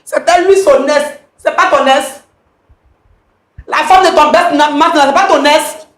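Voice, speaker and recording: A woman guest accusing her husband, repeating pointed questions and breaking into shouts. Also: sits high, takes it slowly, roomy sound. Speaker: guest in a couple dispute.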